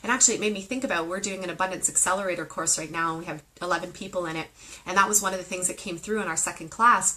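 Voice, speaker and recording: This meditation teacher, a woman in her thirties, speaks with a lowish, sharp-toned voice, and the audio is poor. Streaming live through a phone or webcam, she delivers a heartfelt, emotional spiritual talk and then guides listeners through a meditation.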